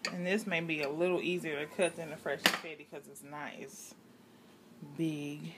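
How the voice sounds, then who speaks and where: A woman's voice: low voice, fairly even intonation, brisk. A woman giving a casual hands-on demonstration as host, thinking aloud while she works, recorded indoors at a home counter. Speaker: host, handmade soap maker. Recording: clearly noisy home recording.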